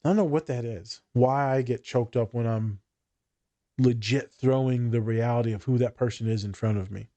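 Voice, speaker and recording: Male podcast co-host and therapist, mid-pitched voice, slangy and candid storyteller who swears freely. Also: moderate pace, warm tone, muffled recording. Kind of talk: casual podcast chat, storytelling.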